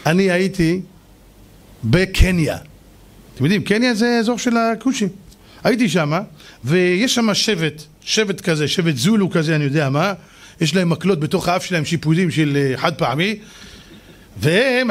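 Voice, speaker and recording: A man, a rabbi, giving a sermon as a story and acting out the people in it with animated delivery. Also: high voice. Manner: animated, acts out the people in his stories.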